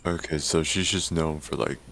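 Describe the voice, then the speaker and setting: Deep-voiced deadpan young man. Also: normal speed. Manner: dry, deadpan jokes. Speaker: guest player. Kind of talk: casual let's-play banter.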